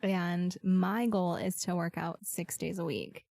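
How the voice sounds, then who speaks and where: A woman hosting a podcast, lively and quick to laugh. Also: lowish voice, gravelly, no room sound, clean studio sound. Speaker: podcast host. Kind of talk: casual chat.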